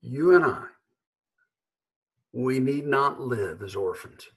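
A man in his sixties, a pastor, delivering an earnest, measured sermon from his living room into a webcam. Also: medium pitch, lively intonation, poor audio. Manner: earnest, measured, with emphatic slowed phrases. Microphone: webcam at desk.

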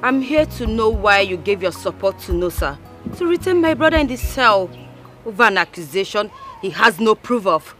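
An actress playing a proud, outspoken princess confronting an elder. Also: female voice, medium pitch, sing-song, moderate pace. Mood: defiant. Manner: confrontational, accusing. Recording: film audio with loud music bed.

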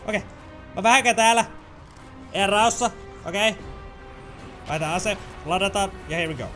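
A man giving excitable let's play commentary while gaming, chatty and full of sound effects. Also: high voice, faint music behind. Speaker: gamer.

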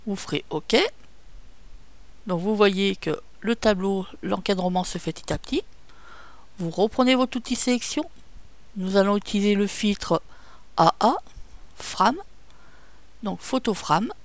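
A woman speaking walks through a photo-editing tutorial one step at a time, pausing often on fillers. Her mid-pitched voice has a gravelly fry, recorded close and dry with no room sound. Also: no echo. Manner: step-by-step instructions with frequent fillers. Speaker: tutorial presenter. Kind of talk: screen-recorded software tutorial.

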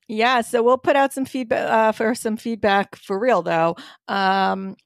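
A woman co-hosting a running podcast, chatting casually with lots of fillers and an animated way of talking. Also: a little high, no room sound, studio quality. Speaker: podcast co-host, race organizer. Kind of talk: casual chat.

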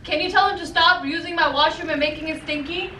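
A woman's voice: very high voice, fast talker, far from the mic, background noise. A young woman bantering casually in a vlog, speaking toward a camera a little way off. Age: young adult. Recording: off-mic, music behind.

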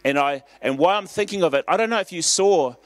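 A male pastor delivers a sermon in a relaxed, conversational way, with fillers and sudden lifts of emphasis. His voice sits a little high for a man. The sound is dry and close, with almost no room echo. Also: fairly quick. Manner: earnest, conversational preaching with fillers and rising emphasis. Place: church.

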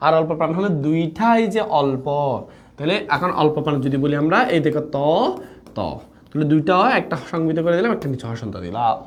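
A man's voice: fairly high pitch, animated, fast talker. Man teaching an online class. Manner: coaxing, repeats key points, checks understanding often. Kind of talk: live online class lecture.

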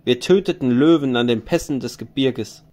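A man's voice: medium pitch, moderate pace, a little mellow, close to an everyday voice. A man reading a grieving hero king. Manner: solemn, lamenting recitation. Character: grieving male hero king, weary wanderer.

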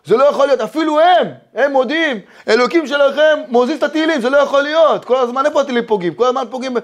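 A rabbi preaches a Torah lesson in an unusually high voice for a man. He is animated and emphatic, swinging from loud declarations to hushed asides. He tells stories and fires off rhetorical questions to the audience. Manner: storytelling, with many rhetorical questions.

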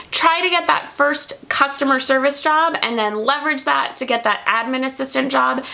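A woman's voice: a little high, bright, forceful tone. A woman hosting a career advice video, talking straight to her viewers in an upbeat, encouraging way and acting out sample phrases to say to employers. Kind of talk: direct-to-camera advice talk.

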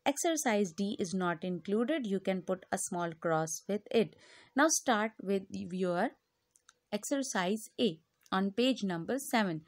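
A female school teacher with a Pakistani English accent, walking pupils slowly through textbook exercises and repeating each answer. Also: medium pitch, lively intonation, dry recording. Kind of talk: recorded classroom lecture.

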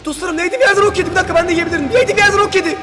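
A man giving excited, shouty commentary on a video game, talking straight to his viewers. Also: extremely high pitch, racing, noisy background. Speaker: gaming video creator. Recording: loud music over the commentary.

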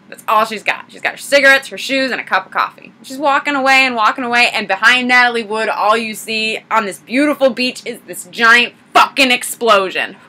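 A woman reviewing a film in a casual vlog, retelling the plot in an animated, profane way. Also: on the high side.

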